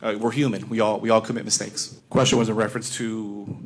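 Flat, rapid live interpreter voice, male. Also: lowish voice. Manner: halting restarts while rendering speech. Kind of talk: live interpreter voice, translating in first person at a press conference.

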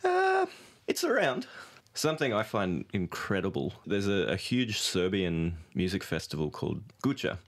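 A man's voice: on the low side, huge pitch swings, moderate pace. A man, a band member, chatting casually in an interview, joking and laughing often. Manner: laughs often, loose and jokey.

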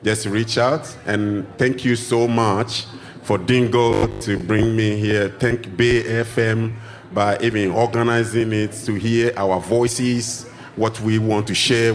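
A low-pitched man from Ghana speaks as a guest at a live festival broadcast. He talks casually and with animation about drumming, and he now and then acts out greetings. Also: fairly even intonation, measured pace, faint music behind. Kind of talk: casual interview talk.

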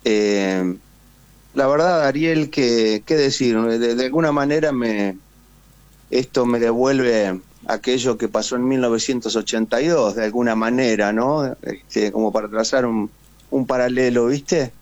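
The guest, an Argentine war veteran and writer, speaks in a medium-pitched, slightly mellow voice at a somewhat slow pace during a casual radio call. He comes across as relaxed but hesitant, full of fillers and tag questions, with an Argentine Spanish accent. The sound is lo-fi, without echo.

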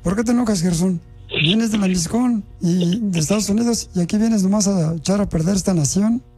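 A man's voice: sits high, a little fast, darkish tone, faint music behind. A man hosting a radio show who makes prank calls and teases the person on the line. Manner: mocking, provocative, playful. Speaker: radio show host making a prank call. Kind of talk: fast radio prank call.

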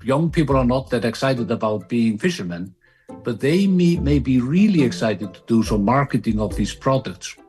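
A man from Iceland, mid-pitched, recalls his story in an interview clip, pausing and restarting as he goes. Faint music sits under his voice. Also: expressive, a little mellow. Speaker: interviewee, founder.

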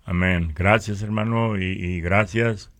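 A man from northern Mexico, speaking with a Mexican accent, shares a conversational religious testimony, halting as he goes and repeating words. His low voice holds a steady, slightly bright tone. There's no echo on the recording.

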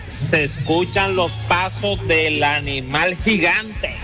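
A man's voice: fairly high pitch, slow pace. A man making casual comments as a caller on a radio show. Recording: voice over clear background music.

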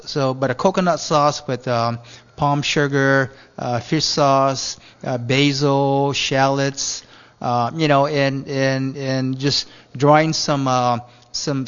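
A man's voice: medium pitch, fairly bright tone, lo-fi sound. A middle-aged man from Japan, a chef, answering radio interview questions in a rambling way full of fillers and restarts.

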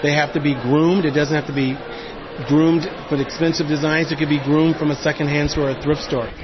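A man with a fairly high voice speaks earnestly and emphatically in an interview. He was recorded outdoors, with clear city traffic noise behind him. The audio is dull and lo-fi. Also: level tone, a little fast. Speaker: interviewee, community project founder.

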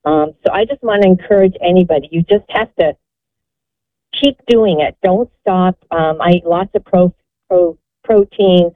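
A woman's voice: on the low side, normal speed, no room sound. Earnest woman in her sixties on the phone. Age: 60s. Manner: earnest, encouraging, rambling. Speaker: caller. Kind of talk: call-in show testimony. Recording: phone-line sound.

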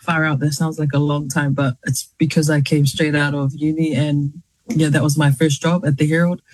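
A woman in her thirties with a New Zealand accent, a journalist, chats informally as a talk-show guest, laughing often and using many fillers and restarts. She has a deep, darkish voice with a level tone and moderate pace, and there's no room sound.

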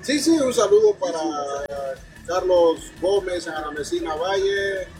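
A Honduran man calling in over a phone video call from a boat at work, relaxed and friendly. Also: high-pitched, measured pace, music in the background, low-quality recording. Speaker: caller.

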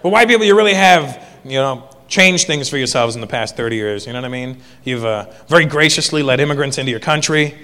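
A man doing a stand-up comedy set, animated and acting out characters in quick voices. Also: medium pitch, in a large hall. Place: comedy club stage before a live audience.

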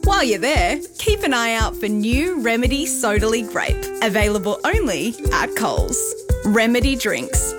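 A woman reading a supermarket in-store announcement in an upbeat, scripted way. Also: fairly high pitch.

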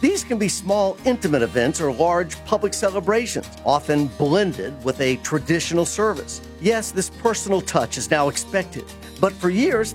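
A male radio host reading a local ad and local news in a smooth announcer delivery. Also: fairly high pitch.

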